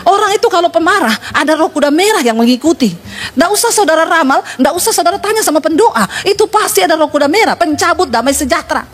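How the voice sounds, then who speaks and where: High-voiced woman pastor preaching. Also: lively intonation, fast talker. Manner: humorous storytelling, addresses congregation. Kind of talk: sermon.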